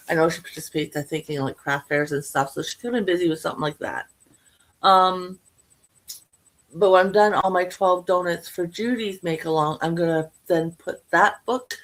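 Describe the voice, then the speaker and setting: A middle-aged woman talking casually to her viewers about her crochet projects, rambling and correcting herself as she goes. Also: on the low side. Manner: rambling, chatty, self-correcting. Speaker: crochet vlogger.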